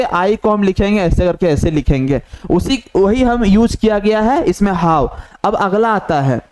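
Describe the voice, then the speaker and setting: A man teaches at a steady, patient pace, walking through each point and repeating it. His voice sits high for a man and comes through smooth and clear. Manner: repetitive, step-by-step explaining, mixing English terms into Hindi. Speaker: shorthand teacher. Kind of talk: whiteboard tutorial.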